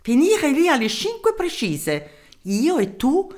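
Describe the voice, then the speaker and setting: A woman's voice: sits high, huge pitch swings, takes it slowly, a little mellow, voice pushed up, full character voice. A woman voicing a fussy foreign male professor with a put-on German accent and broken, clipped speech. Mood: brusque. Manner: broken grammar, clipped impatient replies.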